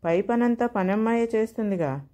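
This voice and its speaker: A woman voicing a frail, gentle old father-in-law who speaks weakly and tiredly. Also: fairly high pitch, lively intonation, moderate pace, close to an everyday voice. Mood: weary. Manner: weak, soft and tired.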